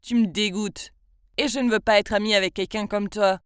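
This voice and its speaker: A woman's voice: medium pitch, steady tone, moderate pace, clear, resonant tone, no room sound, clean studio sound, natural voice. Woman voicing a firm, protective young boy. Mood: scolding.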